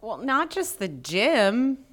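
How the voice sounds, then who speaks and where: A woman's voice: fairly high pitch, sing-song, takes it slowly. A woman co-hosting a casual fitness podcast, explaining ideas in a chatty way. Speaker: podcast co-host, coach.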